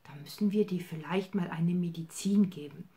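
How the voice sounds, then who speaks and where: A woman voicing a calm male animal doctor in a soft whispered role-play. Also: fairly low pitch, natural voice. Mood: soothing. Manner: soft, hushed and slow.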